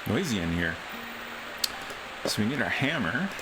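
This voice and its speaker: A man's voice: lowish voice, sing-song, measured pace, noisy background. A man giving casual live commentary as he streams a game.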